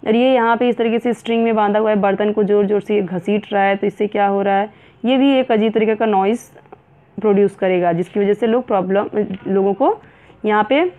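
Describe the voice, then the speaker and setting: A woman teacher with a mid-range voice goes through a science textbook lesson, reading the English lines slowly and then explaining them in Hindi, with frequent fillers. The sound is narrow, like a phone.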